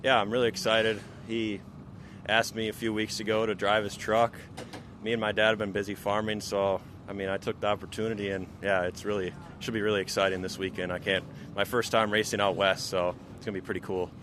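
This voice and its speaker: A man answering interview questions as a race driver, casual and a little halting. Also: on the low side, level tone, fairly bright tone, slight background noise. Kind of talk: trackside interview.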